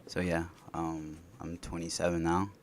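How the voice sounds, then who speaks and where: Deep-voiced man in his twenties, relaxed. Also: a little slow, slight background noise. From Indianapolis, United States. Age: 20s. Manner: relaxed, talks in loose rambling runs with many fillers. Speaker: guest. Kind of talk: casual conversation.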